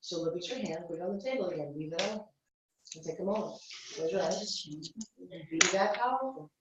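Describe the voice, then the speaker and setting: Leading a workshop in a reverberant indoor room, this woman coaches bluntly, giving terse commands and interrupting to correct people. Her lowish voice is expressive and fairly quick, with heavy background noise and a dull, distant microphone.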